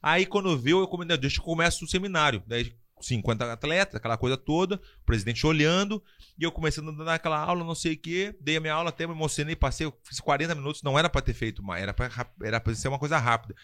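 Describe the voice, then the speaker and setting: A man's voice: a little high, fast talker, fairly bright tone. A man telling a story in casual podcast chat, acting out quotes and laughing often. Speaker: podcast guest telling a fight-world story.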